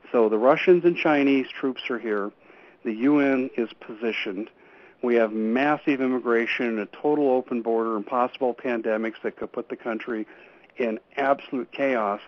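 A man speaking as a guest on a radio show, earnestly laying out urgent warnings and often restarting his sentences. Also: medium pitch. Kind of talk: call-in radio interview. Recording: dull lo-fi radio audio.

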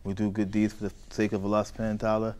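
An American man with a fairly low voice teaches a group of children through a story. He asks questions again and again and draws answers from them in a call-and-response style. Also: completely flat delivery, very fast, a little mellow, a little hiss or hum.

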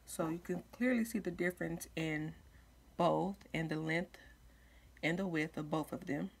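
A woman's voice: low voice, measured pace, creaky, slightly rough. A woman giving casual step-by-step craft instruction as a tutorial host, informal, with slightly lisped speech from wearing retainers.

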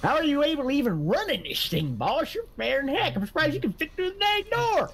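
A man playing a bumbling, indignant sheriff in game roleplay, with a husky, cracking voice. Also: very high-pitched, big pitch swings, brisk, a bit bright, exaggerated voice. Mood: mocking. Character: excitable, bumbling, indignant Southern male sheriff. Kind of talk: improvised online game roleplay.

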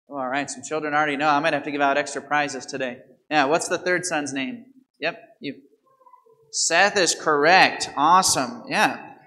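Here a priest in his thirties preaches after the gospel reading in a large church, asking the congregation questions and quizzing kids. He sounds a little high, pushed, and bright. An altar microphone captures him while the camera sits at a distance.

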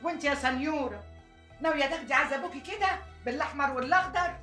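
An actress with an Egyptian Arabic accent playing a dramatic, sharp-tongued older aunt who scolds her nieces. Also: high-pitched, very fast, soft background music. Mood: scolding.

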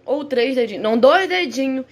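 A young woman with a Brazilian accent narrates her home cooking vlog, chatting casually with viewers in a high-pitched, expressive voice that moves a little fast. She films in a small tiled kitchen indoors, and the home recording is noisy and hissy.

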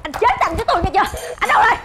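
Một nữ diễn viên đóng vai cô vợ trẻ hay quát tháo trong một tiểu phẩm hài. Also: female voice, lively intonation, very fast, echoey room, music in the background. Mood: scolding. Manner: shrill, scolding, demanding. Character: shrill bossy young wife. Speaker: angry wife in a comedy sketch. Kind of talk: comedy sketch acting.

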